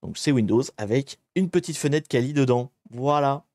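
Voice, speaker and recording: A livestreamer attempting a hacking challenge gives animated, chatty commentary at normal speed, rambling and often interrupting himself mid-sentence. His mid-range voice is a little mellow, with clean studio sound and no echo.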